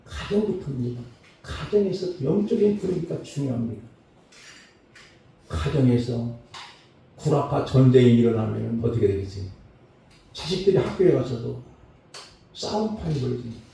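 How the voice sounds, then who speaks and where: Gravelly man preaching in an echoey church. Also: lively intonation, moderate pace, long pauses, slight background noise. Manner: preaching with sudden swings between loud, high calls and low, hushed lines. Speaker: pastor. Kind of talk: Sunday sermon. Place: church sanctuary. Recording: very echoey church hall, mic far off.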